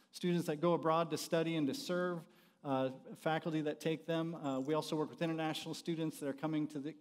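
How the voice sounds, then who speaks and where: A slightly high, somewhat mellow male voice belongs to a middle-aged American conference speaker, a university dean and teacher born in the United States and raised partly in Haiti. He teaches informally from the front of a large church auditorium near the stage, often quizzing the crowd, with reverberant hall sound.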